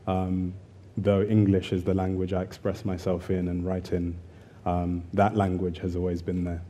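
A man in his thirties from Zambia, a poet answering questions in a thoughtful, measured way on a festival stage. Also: low voice, little pitch movement, warm tone, a little hiss or hum. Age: 30s. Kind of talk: interview conversation on stage.

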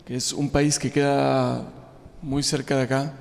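A man's voice: mid-range voice, flat delivery, unhurried, gravelly, darkish tone. A man from Ecuador in his forties, an illustrator giving a humorous talk to a live audience, joking and self-deprecating, with frequent fillers and restarts. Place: large hall with an audience. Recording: long hall reverb.

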